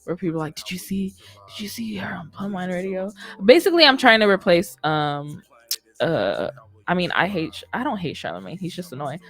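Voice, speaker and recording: A young woman with a fairly low, fairly bright, sing-song voice hosts a radio show, talking a little fast. It's casual podcast chat, loose and rambling with lots of slang. She's in an indoor studio with curtains, wearing a headset and speaking into a close studio mic on a boom arm.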